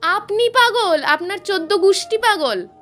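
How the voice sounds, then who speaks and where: Woman doing a sharp-tongued college girl, high voice, lively swings, music faint behind. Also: moderate pace, heavily acted. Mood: quarrelsome. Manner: sharp and quarrelsome. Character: sassy hot-tempered college girl.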